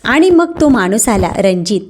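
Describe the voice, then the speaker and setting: A woman narrating a first-person story in a plain, steady reading voice. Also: mid-range voice, moderate pace.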